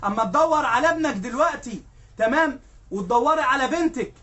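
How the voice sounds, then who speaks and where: High, fast-talking Egyptian preacher man. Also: expressive, sharp tone. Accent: Egyptian Arabic. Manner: storytelling, keeps asking "right?". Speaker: sheikh preacher. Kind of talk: conversational sermon.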